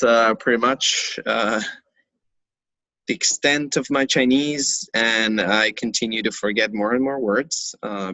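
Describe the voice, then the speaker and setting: A young man from Argentina speaks slowly in a bright, forward voice while he introduces himself to an online English class. He pauses a lot and fills the gaps with hesitant fillers. The sound is dry and close to the mic. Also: on the low side, no room sound, low-quality recording. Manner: hesitant, many fillers and restarts. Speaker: English teacher.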